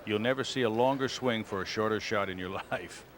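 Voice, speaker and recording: A man's voice: on the low side, fairly quick, a bit bright. A man giving plain-spoken, conversational golf analysis to a broadcast partner. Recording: crowd and outdoor noise behind broadcast.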